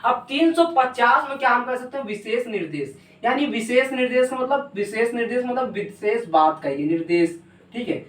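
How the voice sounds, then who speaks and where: A man's voice: very high voice, moderate pace, a bit bright. A young man teaching a civics lesson in a casual, chatty way, often checking in with his students. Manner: casual, chatty, keeps asking "ठीक है", jokey examples. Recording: echoey room, voice from a distance.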